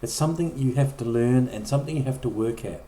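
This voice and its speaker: A man's voice: mid-range voice, fast talker, warm tone. A middle-aged man preaching a conversational sermon, often repeating or restarting words and acting out short quoted lines. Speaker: pastor. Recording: echoey room.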